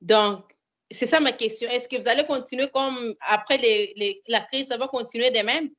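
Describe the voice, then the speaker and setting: A woman in asks a question at a virtual town hall, halting and repeating words as she searches for phrasing. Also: fairly high pitch, a bit bright. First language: not French. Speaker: caller, personal care attendant. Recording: dull lo-fi online call audio.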